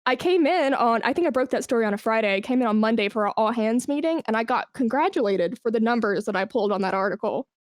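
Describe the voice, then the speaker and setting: Here a woman who manages an esports brand chats as a podcast guest, her informal, frank storytelling sprinkled with "like." Her fairly high voice is expressive and quick, with few pauses. It's a dry, studio-quality recording.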